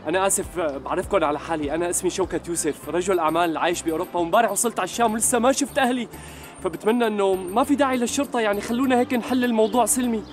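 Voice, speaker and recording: An actor playing a smooth-talking con man who apologises too much, with a Syrian accent, in a TV comedy sketch. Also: high-pitched, faint music behind, close to an everyday voice. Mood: smooth reassuring. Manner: fast, ingratiating and overly apologetic. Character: smooth-talking male con man posing as a returnee from abroad. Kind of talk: Levantine TV comedy acting.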